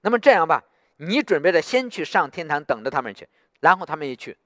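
A man's voice: on the high side, very animated, fast, fairly bright tone, no room sound, clean studio sound. A man voicing a stern male prison warden who mocks and scolds a prisoner. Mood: scolding sarcastic. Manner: mocking, scolding.

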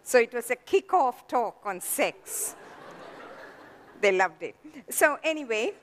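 An older woman from Sri Lanka giving a talk with dry humor, her voice slightly hoarse, laughing at her own jokes. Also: a little high, sing-song, slow pace, in a large hall, slight background noise. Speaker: guest speaker.

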